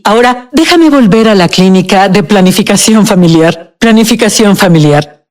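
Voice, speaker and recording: Woman guest recounting her story, halting and emotional, mid pitch. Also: darkish tone. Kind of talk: personal testimony in a TV interview, Spanish dub.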